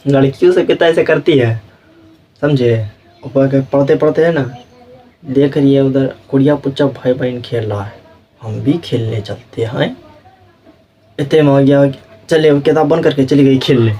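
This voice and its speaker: Lecturing a school class, this young teacher repeatedly checks comprehension, tacking "samjhe?" onto almost every point, and occasionally plays the children and parents he mentions. He speaks at a moderate pace in a medium, dark-toned voice, with a little hiss or hum.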